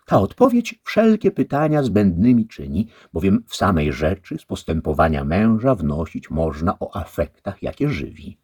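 A man voicing an anxious lady who pleads in a high voice. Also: sing-song, moderate pace, hardly any pauses, darkish tone, husky, no room sound, clean studio sound, full character voice. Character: anxious lady wondering about her husband.

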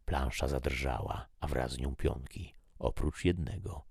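A man narrating a first-person story in a measured, reflective way. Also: extremely low pitch, a little mellow, husky, no room sound, clean studio sound.

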